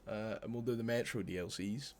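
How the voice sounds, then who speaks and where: He's a Scotsman casually narrating a game on stream, trading banter with viewers and swearing freely. The voice is lowish and steady, and he speaks fairly quickly.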